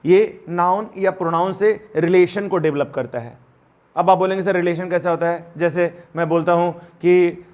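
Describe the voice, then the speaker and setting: A young man teaching English grammar in Hindi, mixing in English phrases and often calling his viewers friends. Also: high-pitched. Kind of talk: explaining lesson to students.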